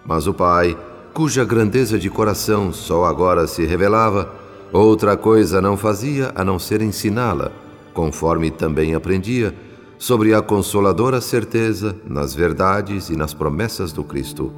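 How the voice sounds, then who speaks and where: Music underlies this radio drama, where an actor with a Brazilian accent and a low male voice narrates as a solemn spirit guardian describing a family's troubles. The delivery is formal, literary and measured, set in long reverb.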